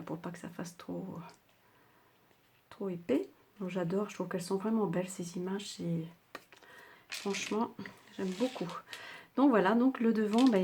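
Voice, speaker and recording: An older Frenchwoman hosting a craft tutorial, speaking softly with a slightly sore throat, chatty and hesitant with many fillers. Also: mid-range voice, slight background noise.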